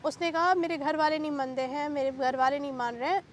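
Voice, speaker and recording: High-voiced agitated woman telling her story. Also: steady tone, fast talker, slight background noise. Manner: agitated, mixes English into Hindi, rhetorical questions. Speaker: interviewee. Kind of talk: emotional personal account.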